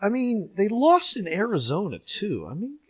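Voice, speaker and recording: A man's voice: sits high, wildly swooping pitch, moderate pace, husky. A man co-hosting a podcast in casual, joking sports banter. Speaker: podcast co-host. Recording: dull lo-fi podcast audio.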